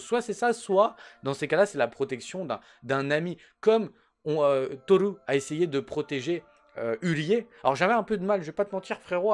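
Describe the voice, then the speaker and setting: A man casually reviewing an anime episode in slangy talk, speaking straight to the viewer. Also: a little high.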